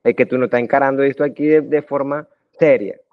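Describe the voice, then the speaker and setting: With a mid-range voice, a steady tone and a quick pace, a Colombian man delivers a recorded math lecture. He talks a lot and addresses students informally, using plenty of tag questions, and the audio comes across dull, dry and lo-fi.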